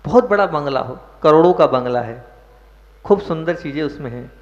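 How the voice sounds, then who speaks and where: A man's voice: a little high, animated, moderate pace. A man giving a sermon as a Jain monk, explaining verses and putting questions to his listeners. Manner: explains verses, asks the audience questions, stresses words. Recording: muffled echoey hall recording.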